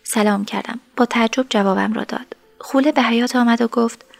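A woman narrating a story in the first person, in a soft, sometimes whispered voice. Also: fairly high pitch, fairly even intonation, creaky, soft background music.

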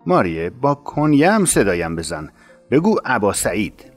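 A man playing a kind, honorable middle-aged master of a household in a narrated story, speaking slowly and gently. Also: mid-range voice, big pitch swings, soft background music. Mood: gentle.

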